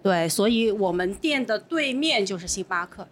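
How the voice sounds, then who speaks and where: A woman in a casual podcast chat, telling lively anecdotes and acting out bits of dialogue. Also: mid-range voice, normal speed. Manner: animated storyteller, acts out dialogue. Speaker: podcast host.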